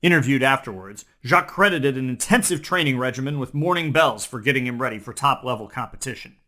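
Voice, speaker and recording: Talking fast in a sharp, medium-pitched voice, this man hosts a comedy newscast. He delivers scripted parody headlines as if he were a serious anchor.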